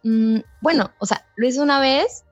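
A woman's voice: high voice, moderate pace, dry recording, soft background music. A woman co-hosting a podcast, thinking aloud in casual chat. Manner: thinks aloud with many fillers and restarts. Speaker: podcast co-host. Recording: dry, slightly muffled sound.

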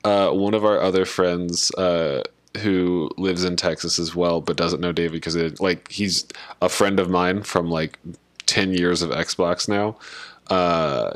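Deep-voiced man in natural, unscripted chat. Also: steady tone, measured pace, no room sound. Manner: jokey, self-mocking. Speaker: podcast co-host.

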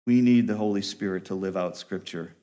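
Speaking a little fast, a male pastor preaches earnestly to his congregation, building each point through repeated words and restarted phrases. His voice climbs to forceful peaks, then drops into quiet, low passages.

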